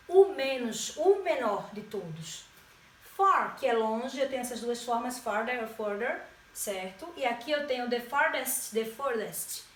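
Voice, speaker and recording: A woman's voice: high voice, a little hiss or hum. A woman from Brazil teaching an English grammar lesson, explaining step by step and often checking in with her students. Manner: explanatory, frequent checks like "certo?". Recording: echoey room, distant mic.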